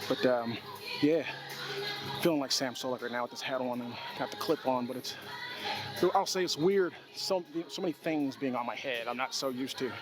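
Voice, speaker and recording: Gym vlogger, twenties, medium pitch, casual and sweary, over clearly audible music. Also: moderate pace. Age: 20s. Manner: slangy, swearing. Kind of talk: casual workout vlog chat. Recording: music playing behind.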